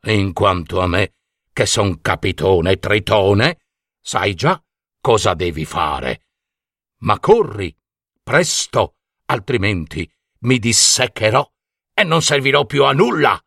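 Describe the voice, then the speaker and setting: A man's voice: lowish voice, animated, takes it slowly, vocal fry, a bit bright, no room sound, clean studio sound, voice pushed down, heavily acted. A man voicing a talking male eel in a storybook fairy tale, urgent and begging for help. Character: male eel who becomes an anaconda, urgent and pleading.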